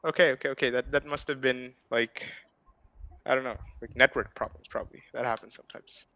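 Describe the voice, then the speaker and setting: This young adult math student, joining as a guest speaker on a video call mic, explains ideas loosely, hedging with fillers and checking in via "right?". At medium pitch, he talks fairly quickly with fairly even intonation in a pushed, bright voice, and the audio is poor.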